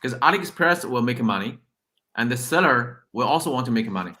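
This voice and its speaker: A Chinese man, whose first language is Chinese, runs a shipping company and is a guest in a casual interview. He explains things step by step, repeating words and using fillers. His medium-pitched voice is pushed and bright, with lively intonation and a fairly quick pace.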